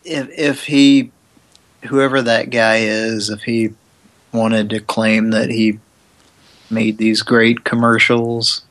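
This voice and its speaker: A man's voice: on the low side, level tone, slow, fairly bright tone, rough recording. Man making wry remarks on a call. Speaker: co-host. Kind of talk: casual chat. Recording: Skype call.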